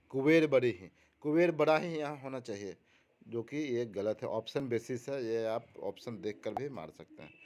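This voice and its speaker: A man's voice: mid-range voice, a little mellow. A man teaching exam questions, reading each one out and explaining the answer, repeating key words and asking his listeners rhetorical questions. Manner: repetitive, asks the audience rhetorical questions.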